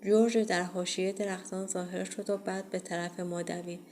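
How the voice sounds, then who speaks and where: Low, flat-voiced woman narrating. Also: a little hiss or hum. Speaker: audiobook reader. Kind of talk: first-person horror audiobook narration.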